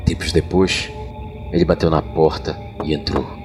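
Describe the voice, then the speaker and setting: Deep, sultry Brazilian male storyteller over music. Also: steady tone, darkish tone. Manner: sultry, deliberate storytelling delivery. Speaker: podcast storyteller and host. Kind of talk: dramatic scripted horror narration. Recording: music bed behind voice. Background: background music.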